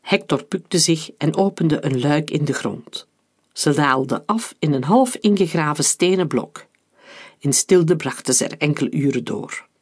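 A man narrating an adventure novel as an audiobook in a calm, steady reading. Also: fairly high pitch, measured pace, breathy edge. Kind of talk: scripted narration.

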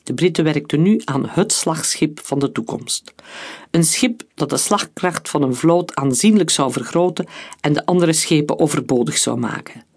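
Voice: medium pitch, moderate pace, husky. Narrator telling a story. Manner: steady storytelling delivery.

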